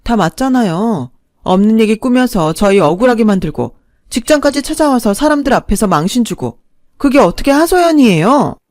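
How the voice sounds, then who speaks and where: A woman's voice: a little high, animated, normal speed, darkish tone, dry recording, studio quality, close to an everyday voice. Woman doing a young wife standing her ground, cold and firm. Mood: defiant.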